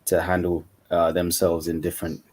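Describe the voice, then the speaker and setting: A man's voice: low voice, completely flat delivery, normal speed, a little mellow. A man raised in Uganda and the UK, a guest on an online panel, talking casually and often saying "you know". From Uganda, then UK. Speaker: coach and mentor, panel guest. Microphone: video call.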